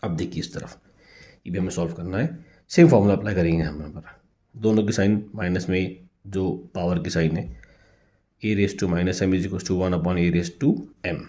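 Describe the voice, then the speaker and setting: A male maths teacher with an Indian accent explains exercise problems one step at a time, pausing to ask the class quick checking questions. His voice sits fairly low and has a dark, mellow tone. He delivers the lesson in a patient, repetitive way, close to the mic. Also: steady tone. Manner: patient, repeats steps, asks rhetorical checks.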